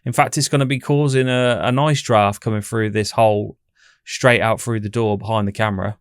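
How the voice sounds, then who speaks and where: A man's voice: fairly low pitch, fairly even intonation, a little fast, clean tone, no echo, clean studio sound. A man hosting a paranormal debunking channel, explaining things in a skeptical, casual way. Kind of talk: casual commentary and testing.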